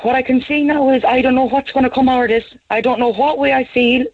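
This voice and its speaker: A woman's voice: high-pitched, fairly even intonation, fast. A young Irish woman calling a radio show over the phone. She sounds anxious and shaken, and her talk is pleading and full of repeats. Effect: heard over a phone line. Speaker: caller. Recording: tinny phone line on radio.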